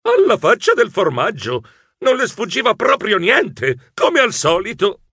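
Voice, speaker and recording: A man narrating a children's audiobook in first person as a nervous mouse writer, in an expressive storytelling voice. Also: high voice, unhurried, breathy edge, no echo, studio quality.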